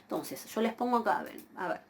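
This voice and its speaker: A patient woman teacher, voice sitting in a moderate middle pitch. She spells out each Greek word slowly and repeats it. She keeps asking the class whether they follow. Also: expressive, slight background noise. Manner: patient, repeats words slowly with frequent "¿sí?" checks. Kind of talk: recorded lecture.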